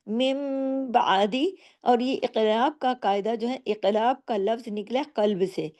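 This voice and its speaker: A woman's voice: fairly high pitch, mellow. A woman teaching Quran recitation rules in a patient, step-by-step lesson, often answering her own questions. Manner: patient, explains each rule and asks rhetorical questions. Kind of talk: slow step-by-step tajweed lesson.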